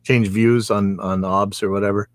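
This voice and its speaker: A man's voice: lowish voice, little pitch movement, normal speed, dry recording. Rambling man chatting, dry close sound. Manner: rambling, repeats phrases as he goes. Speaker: recording engineer. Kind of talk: casual chat, anecdotal storytelling.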